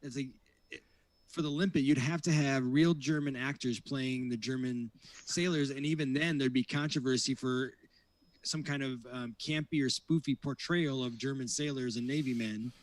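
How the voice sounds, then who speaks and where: A man in a casual podcast chat, speaking in a measured way and thinking aloud with fillers. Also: medium pitch, steady tone. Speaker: podcast co-host.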